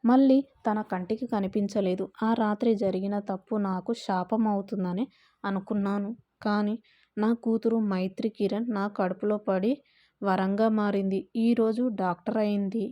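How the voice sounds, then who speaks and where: A woman narrating a first-person story in a slow, emotional way. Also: medium pitch, steady tone, no echo, muffled recording.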